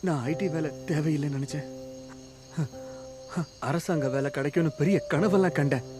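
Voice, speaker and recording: A man's voice: a little high, moderate pace, lightly acted. A man playing a tearful, anguished young man. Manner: pleading, tearful, breaking voice. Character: distraught young man confessing his sister is dying. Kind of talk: dubbed film acting. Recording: film soundtrack with music.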